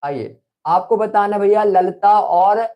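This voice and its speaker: A man's voice: high voice, slow pace, dull audio. A young man teaching a live online quiz class, coaxing students with repeated questions and calling them brother. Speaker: online exam-prep teacher.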